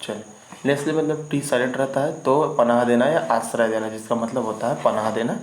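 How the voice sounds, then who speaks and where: A man's voice: medium pitch, steady tone, brisk. A man teaching vocabulary in an online lesson, repeating each word and often asking if students follow. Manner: repeats words and keeps asking "ठीक है ना?". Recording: echoey room with faint noise.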